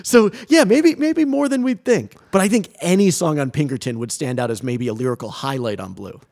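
A man co-hosting a casual music podcast, jokey and quick to laugh. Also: on the high side, creaky. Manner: jokey, laughs often, animated. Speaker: podcast co-host.

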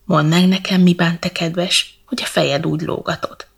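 Storybook talking cat, gentle and clever, husky and gravelly, read by a woman. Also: on the low side, steady tone.

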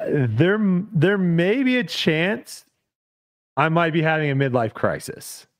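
A man's voice: a little high, sing-song, slow. A man in his thirties co-hosting a podcast, talking in an easygoing, self-deprecating casual chat. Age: 30s. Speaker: podcast co-host.

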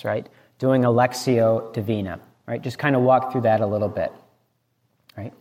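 Preacher in a reverberant hall. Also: male voice, mid-range voice. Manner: conversational, frequently asks "right?". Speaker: priest. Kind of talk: sermon. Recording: long reverb in a large hall.

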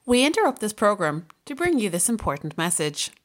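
A woman's voice: mid-range voice, very animated, a little fast, a little hiss or hum. A woman reading the podcast's scripted intro and outro as a polished announcer. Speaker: show announcer. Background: music bed.

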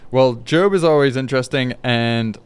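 Upbeat man hosting, clear voice. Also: mid-range voice, moderate pace. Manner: upbeat, agreeable, laughs easily. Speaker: podcast host. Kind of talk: casual chat about Scripture.

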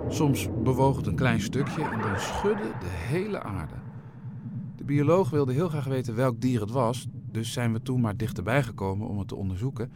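A man reading a children's adventure story aloud with an expressive, playful delivery. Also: mid-range voice, noisy background.

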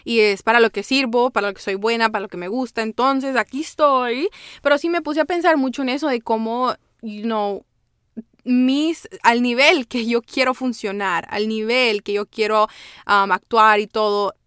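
A woman's voice: fairly high pitch, fairly even intonation, moderate pace, a bit bright, clear, resonant tone, dry recording, clean studio sound. Chatty code-switching woman podcaster. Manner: chatty, switches between Spanish and English, many "¿verdad?" tags. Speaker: podcast host. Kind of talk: casual solo podcast monologue.

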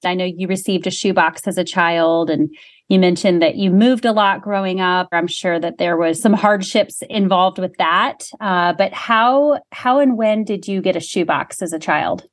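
A woman's voice: lowish voice, moderate pace. A woman hosting an interview show, encouraging her guest with frequent affirming murmurs. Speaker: podcast host.

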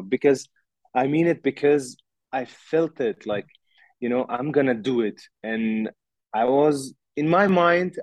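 Man telling his story haltingly. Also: medium pitch, no room sound. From Uzbekistan. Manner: halting, with many fillers and restarts. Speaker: guest. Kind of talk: emotional personal storytelling.

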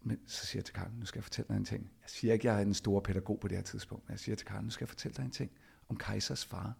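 A middle-aged man with a low, gravelly, somewhat husky voice tells a personal story. He is animated and performs the quoted lines himself, the way a podcast host talks. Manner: animated, acts out quoted dialogue.

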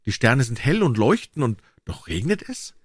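A man's voice: medium pitch, very animated, moderate pace, slightly rough, dry recording, clean studio sound. A man voicing a small, proud male swallow in a storybook reading, talking in a chirpy, fussy, self-important way. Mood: pleased, puzzled.

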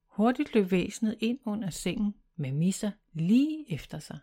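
A woman reading a children's bedtime story aloud in a calm, even storytelling manner. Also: medium pitch.

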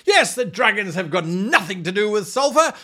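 A man's voice: high voice, moderate pace. A man hosting a podcast, talking enthusiastically about running tabletop games, slipping into playful accents now and then. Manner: animated, slips into playful put-on accents. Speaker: podcast host giving game master advice. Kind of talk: enthusiastic solo podcast talk.

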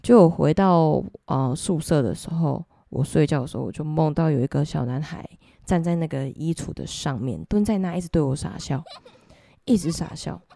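Young woman, Taiwanese Mandarin accent, podcast storyteller, low and mellow voice, dry close sound. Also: normal speed, creaky, no echo. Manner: chatty, addresses listeners directly. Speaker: podcast host. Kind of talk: casual ghost-story telling.

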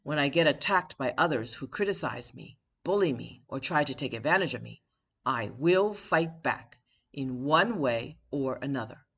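An author and podcast host with a notably low voice reads her personal essay aloud, moving at a measured, deliberate pace and pausing for emphasis between phrases. Her intonation is lively, her tone a little bright with a breathy edge.

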